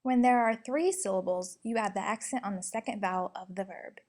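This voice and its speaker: A young woman slowly and carefully reading out a lesson, explaining grammar and its examples. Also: medium pitch, darkish tone. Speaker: student presenter. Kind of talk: instructional narration.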